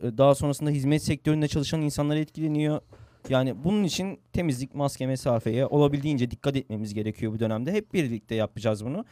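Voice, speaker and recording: A man's voice: medium pitch, fast talker, warm tone, dry recording. A young man hosting a radio show in casual chat, earnest and agreeable, repeating his points. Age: young adult. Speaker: radio host.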